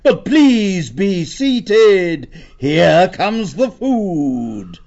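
A man voicing a huge, fierce old male badger lord who speaks slowly and gravely. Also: big pitch swings, darkish tone, full character voice. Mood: stately. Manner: slow, booming and grave. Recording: dull lo-fi audiobook recording.

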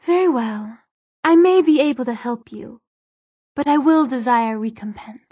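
In a gloating mood, a woman narrator acts out a haughty fairy queen of ageless cunning at normal speed, her voice on the high side and close and dry. She uses formal, imperious language, a storybook ruler who looks down on her listeners. The audio is narrow and tinny, with no room sound.

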